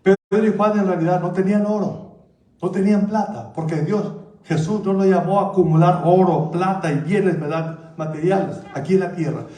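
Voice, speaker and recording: High-voiced preaching man in an echoey church. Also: fairly even intonation, moderate pace, warm tone. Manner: conversational preaching, repeats "¿verdad?" and "con el Señor". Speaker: pastor. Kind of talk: sermon. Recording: echoey church hall, mic at a distance.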